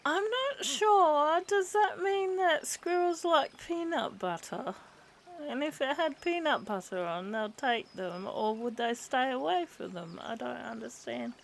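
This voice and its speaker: A woman's voice: on the high side, expressive, measured pace, gravelly, a little hiss or hum. A woman with an Australian accent giving casual reaction commentary on a video, hesitant and full of fillers and restarts.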